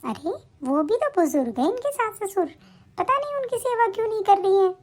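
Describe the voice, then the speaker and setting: Woman doing a fed-up young bhabhi in a cartoon story, high voice, firm and indignant. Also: very animated, normal speed. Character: firm dutiful young sister-in-law, fed up.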